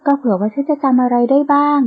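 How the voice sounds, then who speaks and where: A woman's voice: high voice, quick pace. A woman reading the part of a young heroine who has lost her memory in an audiobook novel, earnest and questioning. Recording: tinny phone-like sound.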